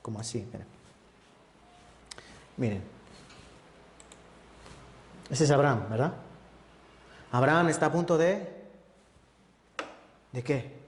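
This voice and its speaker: A man's voice: medium pitch, animated, takes it slowly, long pauses, a little hiss or hum. Man preaching in an echoey church hall. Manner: asks the audience questions, checks with tag questions. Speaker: evangelist. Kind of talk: Bible teaching sermon.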